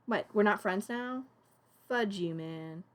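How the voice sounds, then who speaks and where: A woman's voice: mid-range voice, slow pace. A young woman streaming as she animates a puppet, chatting casually and muttering to herself as she works. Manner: rambling, talks to herself and chat, mutters. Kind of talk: casual live-stream chat while animating.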